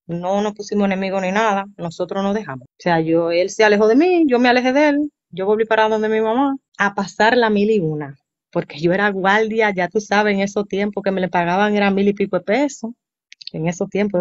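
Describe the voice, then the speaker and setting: Woman, 40s, animated storyteller guest, dry muffled recording. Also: mid-range voice, no room sound. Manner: animated, acts out quoted voices. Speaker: interview guest. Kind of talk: storytelling in casual chat. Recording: dull, slightly muffled sound.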